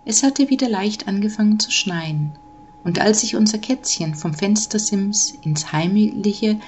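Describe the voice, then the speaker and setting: A woman gently reading a children's Christmas story aloud, measured and calm. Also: mid-range voice, a little hiss or hum.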